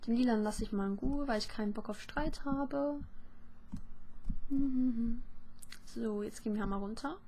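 A young woman giving lively, chatty commentary while playing a game, talking to her viewers and opponents. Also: a little high, unhurried, long pauses, slight background noise. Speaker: gaming YouTuber. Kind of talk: casual let's play commentary.

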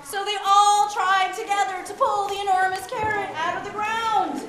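A woman telling a children's story on stage, animated, feeding lines for children to repeat. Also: extremely high pitch, normal speed. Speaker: storyteller leading children in a show. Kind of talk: read-aloud children's story performance. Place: stage in an echoey hall with live audience. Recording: echoey hall, loud crowd and noise.

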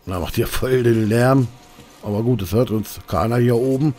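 A man's voice: medium pitch, moderate pace, warm tone. A man giving casual gameplay commentary, muttering and cursing while sneaking through a game. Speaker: let's play streamer.

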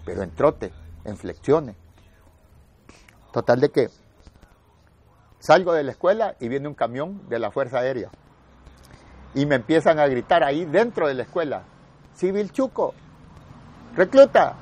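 A man in his sixties with a Salvadoran accent, an army veteran telling his story lively and acting out the voices of others. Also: mid-range voice, a little slow, long pauses. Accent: Salvadoran Spanish. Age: 60s. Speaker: war veteran interviewee. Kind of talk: spoken war memoir.

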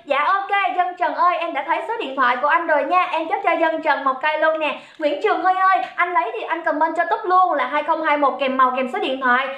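A woman's voice: high voice, fast talker, hardly any pauses, bright, forceful tone, echoey room. A woman running a live-stream sale, chatty and calling out viewers by name. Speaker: livestream seller. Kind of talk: live-stream sales chat.

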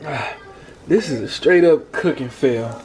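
In a casual vlog from a small indoor kitchen, an American man cooking at home mutters and repeats himself in confusion. His slightly high voice is animated and measured, and the poor audio picks up a crowd in the background along with kitchen clatter and sizzling.

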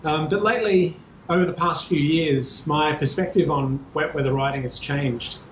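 Aussie guy in his 30s chatting to camera, bit high voice, roomy shed echo, faint background hum. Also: normal speed. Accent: Australian. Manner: relaxed and chatty, with frequent ums. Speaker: cycling vlogger. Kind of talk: casual talk to camera. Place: small garage or shed with bikes, indoors. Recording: echoey small room, faint ambience.

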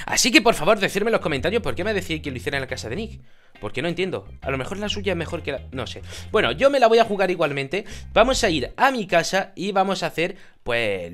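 A high-voiced Spanish gaming YouTuber gives casual Minecraft let's play commentary, chatting with viewers. He's excitable and shouts in bursts of joy.

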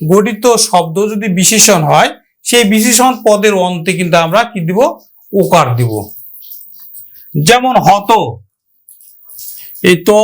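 High-voiced man teaching grammar slowly. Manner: slow, drawn-out syllable-by-syllable demonstrations with rhetorical questions to students. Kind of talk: exam-prep grammar lesson.

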